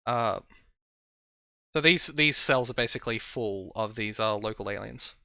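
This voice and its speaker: Bright, clear-voiced man running a tabletop game. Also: lowish voice, dry recording, highs cut off. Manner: halting, searching for words as he improvises descriptions. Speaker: game master. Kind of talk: narrating a tabletop role-playing game.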